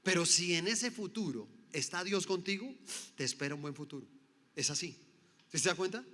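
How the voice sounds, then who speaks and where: Male pastor, high bright voice, emphatic sermon delivery, rhetorical questions to the crowd, echoey hall. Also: animated, moderate pace.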